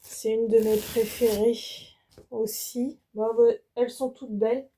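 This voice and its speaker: A French woman vlogger walks through her latest craft haul at an unhurried pace. Her voice sits a bit high but has a very dark, mellow tone. She pauses often, fills gaps and restarts her sentences as she goes. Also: level tone, slight background noise. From France. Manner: slow, hesitant, many fillers and restarts. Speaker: embroidery channel host. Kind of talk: casual product show-and-tell.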